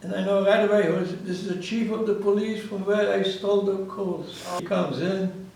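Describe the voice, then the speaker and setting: A man's voice: high voice, fairly even intonation, fairly quick, gravelly, darkish tone, slight background noise. A man in his eighties from Ukraine, with a Ukrainian accent, telling his life story in an interview in broken English and acting out the dialogue. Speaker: interviewee, Holocaust survivor. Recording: echoey room, voice from far off.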